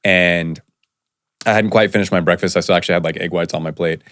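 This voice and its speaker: A low-pitched man hosting a podcast, talking casually and rambling through stories with plenty of fillers and restarts. The sound is dry and close, with no room echo. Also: fairly even intonation, quick pace, fairly bright tone, clear, resonant tone. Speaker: podcast host. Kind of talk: casual conversation.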